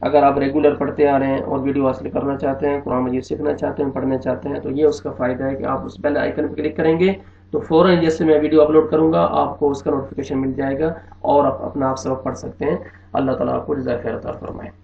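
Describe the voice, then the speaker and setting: Male Quran teacher, Urdu accent, gravelly, patient and repetitive, dull echoey recording. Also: mid-range voice, flat delivery, a little hiss or hum. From Pakistan. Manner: explains patiently, repeats words slowly. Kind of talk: online recitation lesson.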